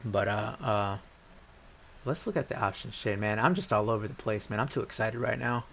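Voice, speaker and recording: A man hosting a live trading stream, talking casually through charts, rambling with many restarts and bursts of excitement. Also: lowish voice, moderate pace, vocal fry, slight background noise. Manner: rambling, restarts often, gets excited and repeats himself. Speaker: livestream trading host. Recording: slightly dull lo-fi stream audio.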